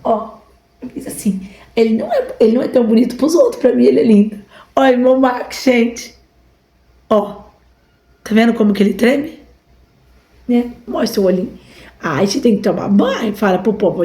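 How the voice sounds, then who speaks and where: A woman's voice: a little high, warm tone. A woman with a Brazilian Portuguese accent giving a fervent testimony from home, repeatedly calling her listeners brothers. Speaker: preacher. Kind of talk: emotional testimony to a congregation.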